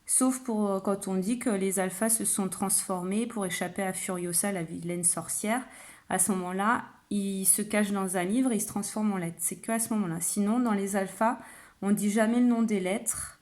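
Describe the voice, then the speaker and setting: A kindergarten teacher explains a home phonics game in a patient, unhurried way. She slows right down on the example words so each sound can be heard. Her voice sits at an ordinary pitch for a woman. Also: fairly even intonation, a little mellow. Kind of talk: home-schooling phonics lesson for parents.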